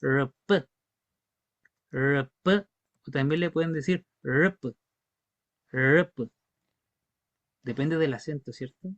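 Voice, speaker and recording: A Chilean man leads an online class at a slow, patient pace, repeating words so his students can copy them. His voice sits a little high. The video call audio is dry and dull. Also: no echo. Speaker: language teacher.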